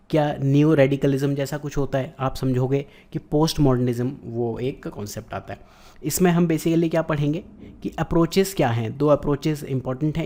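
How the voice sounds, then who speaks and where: A man's voice: fairly high pitch, warm tone. A man teaching a recorded geography exam-prep lecture, explaining in Hindi mixed with English terms and often checking in with "right".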